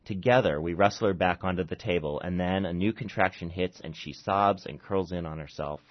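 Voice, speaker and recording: A man, an author, reads his own short story aloud and chats haltingly with fillers between readings, in a dull lo-fi recording. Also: low-pitched. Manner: halting, with fillers, when chatting.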